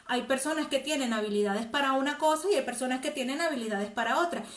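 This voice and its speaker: A woman talks directly to the viewers of her live stream, answering their comments. Her voice sits high, and the room around her gives a clear echo. She speaks in a gentle coaching way. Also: fast. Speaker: host.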